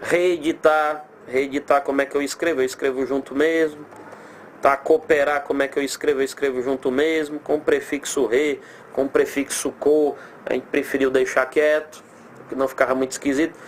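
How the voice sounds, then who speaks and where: A mid-range male voice with a Brazilian accent carries this recorded grammar lesson, accompanied by a little hiss or hum. He's animated, slowly stretching out example words and asking rhetorical questions of himself.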